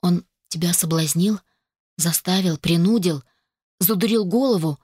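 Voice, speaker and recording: A woman's voice: on the low side, unhurried, a little mellow, slightly rough, dry recording, clean studio sound. A woman voicing a stern, worried father who questions his daughter bluntly. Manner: grim, blunt.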